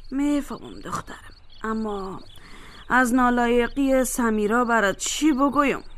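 Woman as a weary middle-aged mother, Afghan Dari accent, fairly high voice, soothing and complaining, audio drama. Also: a bit bright, natural voice.

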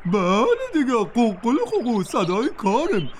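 Brief: bouncy, sing-song storybook rooster voiced by a woman, faint hiss behind. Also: fairly high pitch. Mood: proud. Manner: crowing, lively, advising. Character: proud, kindly male farm rooster.

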